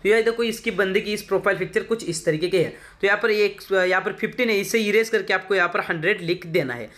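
A man's voice: high-pitched, quick pace, fairly bright tone. A man giving a chatty, repetitive step-by-step walkthrough of a phone app for his channel. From India. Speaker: tech tutorial youtuber. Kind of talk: screen-recorded how-to walkthrough.

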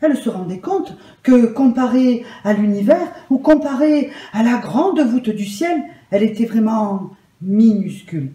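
A woman telling a children's story aloud in a calm, measured and soft way. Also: a little high. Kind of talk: gentle read-aloud storytelling. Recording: roomy echo.

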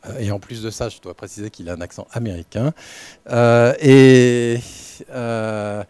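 Halting French man opening a session. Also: medium pitch, steady tone, darkish tone, clean tone, no echo. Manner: halting, many fillers and restarts. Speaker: lab director opening a training session. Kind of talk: unscripted welcome talk.

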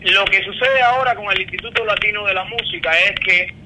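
A man's voice: sits high, brisk. A middle-aged man from Cuba with a Cuban accent, a guest answering interview questions over a video call, hesitant with many fillers. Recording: noisy call line.

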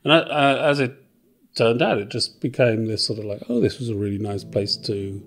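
A man's voice: fairly low pitch, moderate pace, faint music behind. A middle-aged man from Wales with a Welsh accent, a podcast guest chatting casually and thinking aloud with many fillers and restarts. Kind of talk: casual interview chat.

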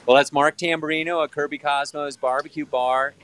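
A cheerful middle-aged man hosts a live segment, holding his phone at arm's length at an outdoor market. His voice sits at an ordinary pitch, and he keeps the chat moving with quick questions and frequent "awesome"s. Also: steady tone, a bit bright, smooth. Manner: upbeat, keeps saying "awesome". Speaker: host interviewer. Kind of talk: live casual interview. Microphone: selfie phone at arm's length.

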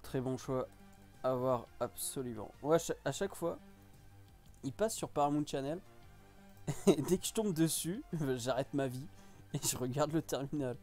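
A man's voice: mid-range voice, moderate pace, long pauses, darkish tone, soft background music. A man hosting a casual live stream, chatting and reacting to viewers' comments.

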